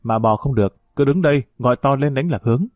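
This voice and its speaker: A man's voice: mid-range voice, quick pace, darkish tone, no echo, studio quality, close to an everyday voice. A man reading the part of a young guerrilla commander, speaking in curt, urgent commands. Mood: commanding.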